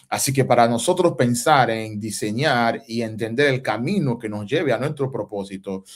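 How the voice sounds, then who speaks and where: This guest is a pastor from Haiti whose Haitian accent shows some Dominican Spanish influence, and his pitch is fairly low. Answering interview questions reflectively, he teaches with patience, draws on everyday examples, and lets his questions rise.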